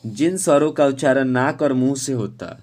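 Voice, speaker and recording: A man teaching an exam-prep lesson, quizzing students and urging them to answer quickly. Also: mid-range voice, darkish tone.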